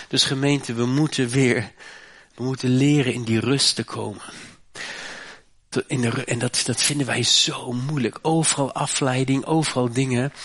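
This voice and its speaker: A man's voice: mid-range voice, fairly bright tone. A man from the Netherlands preaching a sermon as pastor, earnest, repeating his phrases and tagging them with little questions.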